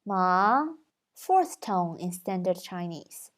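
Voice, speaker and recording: A woman hosts an educational video, reading a scripted explanation at a steady middle pitch. She talks clearly and carefully, sounding out example syllables to show the tones. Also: unhurried, over music. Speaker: language video host.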